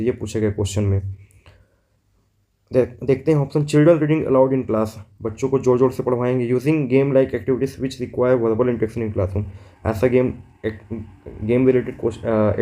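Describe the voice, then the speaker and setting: A man teaching an exam prep lesson, reading questions out slowly in English and explaining them in quick Hindi. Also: medium pitch, mellow.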